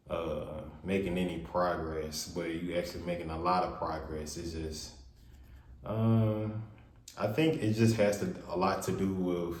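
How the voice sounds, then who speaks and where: A man giving a casual spiritual tarot reading in a loose, rambling way with a naturally monotone voice, his words washed in heavy room reverb. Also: sits low. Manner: loose, rambling, with many fillers. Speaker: tarot reader. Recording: echoey untreated room, faint noise.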